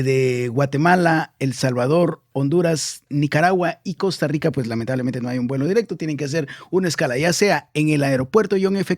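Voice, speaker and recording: A man's voice: a little high, darkish tone, no room sound, clean studio sound. A man hosting a radio program in a casual, chatty way, wandering with fillers and correcting himself as he goes. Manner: chatty and meandering, many fillers and self-corrections. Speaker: radio host. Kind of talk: casual radio talk about travel.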